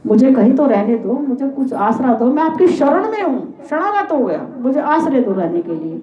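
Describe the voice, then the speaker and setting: A woman telling a scripture story, voicing a dark male spirit of the evil age who humbly begs a king for shelter. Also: on the high side, expressive, moderate pace, close to an everyday voice. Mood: begging. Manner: begging, wheedling, humble. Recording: echoey, tinny phone-like sound.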